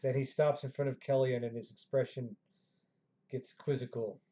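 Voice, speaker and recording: A man narrating as game master of a tabletop game, measured and hesitant, with many fillers. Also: medium pitch, fairly even intonation, mellow. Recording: dull lo-fi recording.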